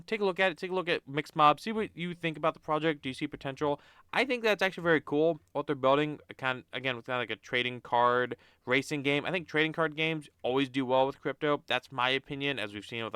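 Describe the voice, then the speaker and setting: A young man who hosts a crypto channel talks casually through a website on screen, his nose stuffy from a cold. His voice is medium-pitched, bright and forceful yet smooth, and he rambles with lots of fillers and restarts. The recording is studio quality with no echo.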